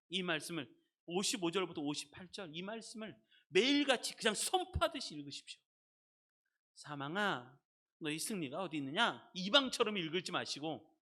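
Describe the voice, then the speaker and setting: Middle-aged male pastor, high and very lively delivery, booming proclamations, then hushed asides. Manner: animated preaching, swinging from loud proclamation to soft near-whispers. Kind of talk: sermon.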